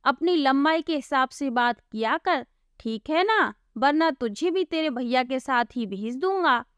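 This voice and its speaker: A sly, scheming young man of a storybook who feigns friendship and talks smugly, as a woman voices him. The voice runs high and slow. It sounds dry and close. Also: animated, no echo. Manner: smug, mock-innocent.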